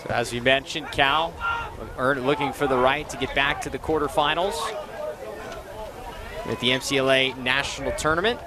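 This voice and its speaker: A man calling play-by-play at an outdoor lacrosse game, brisk and self-mocking. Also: medium pitch, fairly even intonation. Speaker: play-by-play commentator. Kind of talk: live sports commentary. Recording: loud crowd and field noise.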